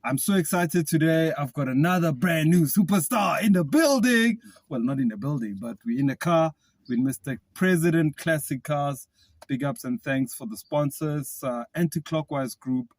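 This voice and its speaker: A man's voice: fairly high pitch, expressive, moderate pace, dry recording. Upbeat podcast host man, dry sound. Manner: upbeat, laughs often, enthusiastic shout-outs. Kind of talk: casual podcast chat. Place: inside a parked classic car.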